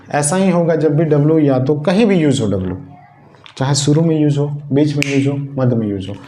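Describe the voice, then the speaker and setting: A man's voice: fairly high pitch, warm tone. Man teaching English grammar in an echoey room. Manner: explains step by step, repeats and asks the class questions. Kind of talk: Hindi classroom-style grammar lesson. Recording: echoey room with faint noise.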